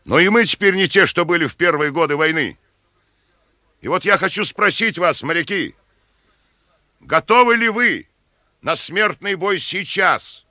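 An actor playing a solemn, resolute Soviet naval commander, addressing his men with measured, fatherly authority in a war drama. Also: mid-range voice, animated, pushed and bright, no echo, studio quality.

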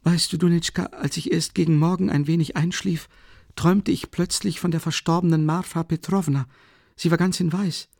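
A man's voice: steady tone, normal speed, gravelly, a little mellow, no echo, studio quality. Man reading a fretful anxious mother. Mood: fearful. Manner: flustered, exclaiming, high-pitched fretting. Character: anxious middle-aged mother, fretful and timid. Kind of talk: audiobook character reading.

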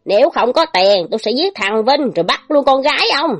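A woman's voice: fairly high pitch, animated, brisk, soft background music, pitched above the performer's own voice. A woman voicing a brutal male gang leader who threatens and jeers in a raised voice, in a storybook reading. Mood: menacing. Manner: menacing, threatening, jeering.

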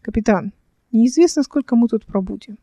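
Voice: medium pitch, animated, normal speed, mellow, no room sound. An audiobook reader voicing a cheeky young man pilot who talks playfully and teases his captain. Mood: teasing. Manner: playful, teasing.

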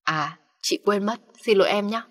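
A woman voicing a gentle, polite young woman in an audiobook story. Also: medium pitch, moderate pace, natural voice. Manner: soft, polite.

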